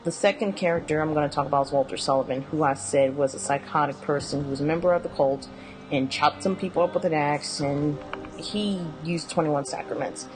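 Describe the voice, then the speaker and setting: A woman's voice: low-pitched, brisk, music in the background, poor audio. A woman casually walking through a video game's characters, rambling with fillers and correcting herself as she goes. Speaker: video game commentator. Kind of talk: casual spoken character rundown.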